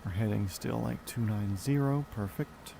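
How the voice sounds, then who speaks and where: A man with a lowish, gravelly voice rambles through a casual live stream, dropping profanity in an offhand way. He sounds like he's at a desk mic in a home gaming room, with a faint noise floor underneath. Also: measured pace, mellow. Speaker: flight sim streamer.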